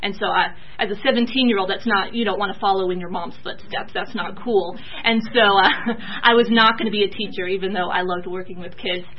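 Young woman giving a church talk, lots of ums, mid pitch, kinda muffled recording. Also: steady tone, fairly quick, hardly any pauses. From Georgia, US. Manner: soft-spoken, hesitant with many fillers. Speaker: mission teacher speaking at church.

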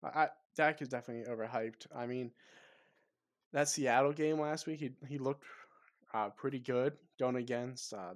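Male co-host, relaxed sports chat, hesitant delivery full of ums, dry recording. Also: mid-range voice, dry recording. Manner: hesitant, many ums and restarts. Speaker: podcast co-host.

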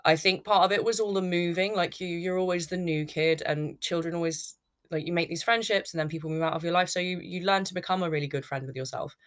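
A woman's voice: lowish voice, fairly even intonation, quick pace. Chatty, rambling British woman podcaster. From United Kingdom. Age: 30s. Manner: rambling, chatty, self-interrupting. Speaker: podcast host. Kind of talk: casual unscripted personal storytelling.

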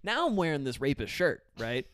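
A man's voice: a little high, very animated, brisk, a bit bright. A man co-hosting a podcast, telling a rambling, profane story in casual chat. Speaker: podcast co-host.

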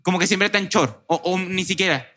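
A man's voice: sits high, fairly quick, pushed and bright, a little hiss or hum. A young man, co-hosting a podcast and teasing his partner with dry, sarcastic jabs. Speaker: podcast co-host. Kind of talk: casual podcast banter.

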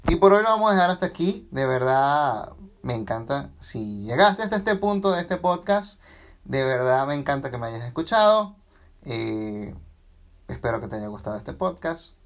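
A man's voice: medium pitch, animated, moderate pace. A man with a Venezuelan accent hosting a casual solo podcast, rambling and sarcastic as he talks. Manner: rambling and sarcastic, often restarting phrases. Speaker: podcast host.

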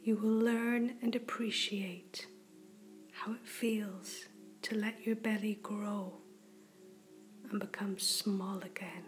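Slow whispering woman guiding a meditation. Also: mid-range voice, fairly even intonation, soft background music. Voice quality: soft whispered delivery. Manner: slow, gentle and soothing. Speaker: meditation guide. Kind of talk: guided breathing meditation.

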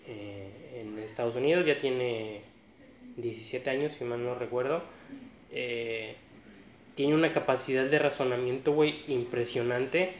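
A man's voice: medium pitch, a little hiss or hum. Northern Mexican man, casual storyteller, slangy and loose, in a roomy, slightly dull recording. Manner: relaxed, slangy storytelling with many fillers. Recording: echoey room, slightly dull sound.

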